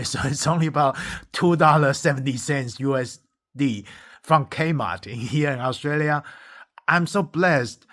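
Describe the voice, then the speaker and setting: Halting man, English not his first language. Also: mid-range voice, a bit bright. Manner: halting, many restarts, laughs between phrases. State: tearful, emotional. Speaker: channel host. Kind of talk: casual talk to camera. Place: home entertainment room.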